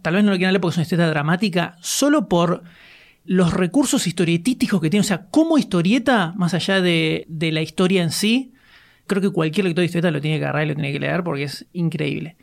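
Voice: mid-range voice, fast, creaky. An Argentine co-host on a casual podcast. The delivery is eager and emphatic, and the praise is pushed with plenty of stress. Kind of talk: casual chat.

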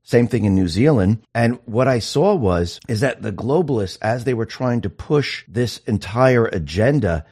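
A man's voice: medium pitch, lively intonation, moderate pace, few pauses, darkish tone, breathy edge. A man hosting a casual political conversation, making his points in emphatic, repetitive short statements. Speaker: interview host.

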